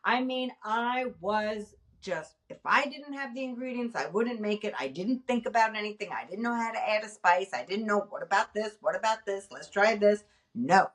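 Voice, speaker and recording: A middle-aged woman hosting a casual talk show, animated and self-mocking, acting out her own past thoughts. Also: medium pitch, normal speed, few pauses, distant mic. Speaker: nurse and podcast host. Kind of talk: casual chat.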